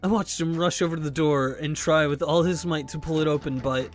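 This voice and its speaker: A woman streamer reading game dialogue aloud, voicing every character in an animated way. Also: deep voice, brisk, faint music behind.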